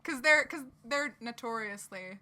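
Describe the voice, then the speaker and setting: A woman guesting on a casual podcast, laughing often and telling stories with animated energy. Her voice is bright and sits a little high. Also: a little slow.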